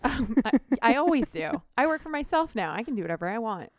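A woman hosting a podcast in casual chat, full of quick, jokey banter. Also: a little high, very animated, no room sound. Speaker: podcast host.

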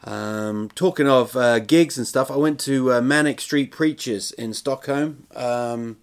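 Medium-pitched and clean-toned, a forties comedian talks a little slowly on his solo podcast. He's casual and rambling, unsure of himself, self-mocking and given to cursing.

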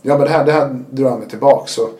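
A man, a guest telling his story in a casual interview, animated and acting out what people said. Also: medium pitch, roomy sound. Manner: animated, acts out quotes with sudden loud bursts.

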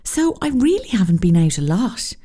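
An Irish woman in her forties hosting a podcast, reading her teenage diary aloud with wry, animated storytelling. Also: medium pitch, normal speed. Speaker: podcast host.

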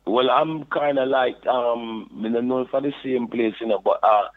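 A man's voice: medium pitch, fairly even intonation, moderate pace. A man from the UK speaking with a Jamaican patois accent, telling his story casually in an interview and often saying "you know". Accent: Jamaican patois, London. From United Kingdom. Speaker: podcast guest, reggae deejay. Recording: tinny phone line.

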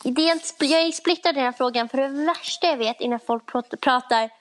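A young woman co-hosting a podcast in casual chat, talking loudly and acting out voices in quotes. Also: high-pitched. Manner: chatty, acts out voices in quotes; talks loudly by habit. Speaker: podcast co-host.

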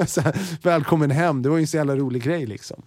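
A man in his forties in a casual interview, telling animated stories, swearing freely and restarting his sentences. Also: medium pitch, no echo, studio quality. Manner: lively storyteller, swears freely, frequent restarts. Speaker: TV host and interviewee.

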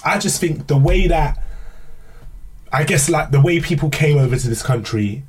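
A man's voice: fairly high pitch, animated, moderate pace, husky, far from the mic. A man co-hosting a podcast, telling stories in a laid-back way full of slang. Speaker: podcast co-host. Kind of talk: casual podcast discussion.

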